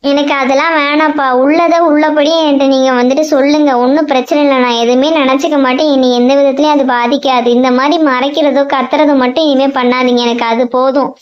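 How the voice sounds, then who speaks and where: A woman's voice: high-pitched, steady tone, fast, close to an everyday voice. A woman voicing a young boy who presses his father with hurt, insistent questions, in a cartoon. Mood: coaxing. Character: young boy Somu, hurt and stubborn son. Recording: dull lo-fi sound.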